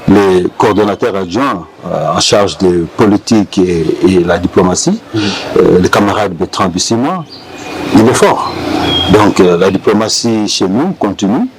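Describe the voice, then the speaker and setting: Male spokesperson, lower register, halting interview delivery with frequent fillers. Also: a crowd in the background, rough recording. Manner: halting, many hesitations. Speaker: rebel group spokesperson. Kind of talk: press interview answers.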